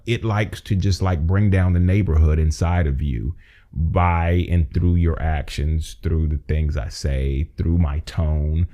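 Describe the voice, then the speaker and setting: A man's voice: low voice, mellow. A man co-hosting a casual podcast conversation, rambling and restarting his sentences as he thinks aloud. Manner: rambling, restarts and repeats himself. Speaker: podcast co-host. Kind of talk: casual chat.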